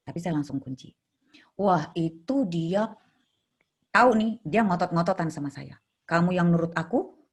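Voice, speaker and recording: Husky woman telling lively anecdotes. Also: fairly low pitch. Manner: animated, acts out scenes with sound effects. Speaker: guest child therapist. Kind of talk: casual storytelling interview.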